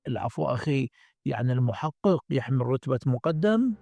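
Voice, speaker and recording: A man's voice: mid-range voice, lively intonation, a little fast, vocal fry, dark tone, slightly rough, dry recording, pitched below the performer's own voice. A man reading the part of a frightened young male soldier, pleading and swearing oaths in an Iraqi accent. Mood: hesitant. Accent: Iraqi Arabic. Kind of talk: dramatic story reading.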